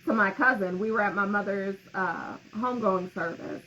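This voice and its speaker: A woman co-hosting a casual podcast conversation, talking in a gentle, instructive way and often laughing. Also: mid-range voice, moderate pace, a little hiss or hum, poor audio. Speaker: podcast co-host.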